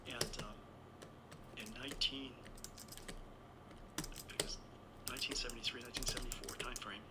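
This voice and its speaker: Gravelly Taiwan-born man in his sixties. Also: medium pitch, fairly even intonation, normal speed, heavy background noise. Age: 60s. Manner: rambling, anecdotal, with self-corrections. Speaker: interview guest. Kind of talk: conversational storytelling.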